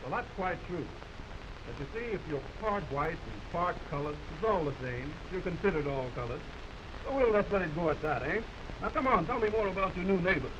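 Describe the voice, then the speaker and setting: An actor playing a friendly, curious male homesteader in an early talkie film, with a slow, stagey delivery. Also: high voice, lively intonation. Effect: early talkie film soundtrack. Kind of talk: 1930s film acting. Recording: hissy, dull 1930s film soundtrack.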